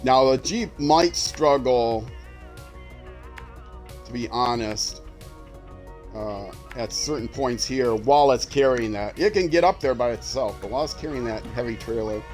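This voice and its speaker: Faint music plays behind a retired older man giving casual livestream commentary while playing a game, rambling and full of fillers. His young-sounding voice is mid-range, a little slow and a little mellow.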